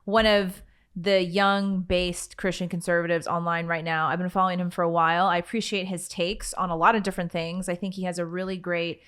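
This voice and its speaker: Woman, podcast co-host, casual friendly delivery, lowish voice. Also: flat delivery, a little fast, fairly bright tone, smooth. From United States.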